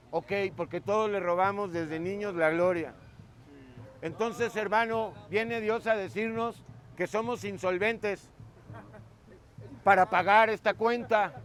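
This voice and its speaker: A man preaching a sermon with fervor, often turning to address his listener as brother. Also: high-pitched.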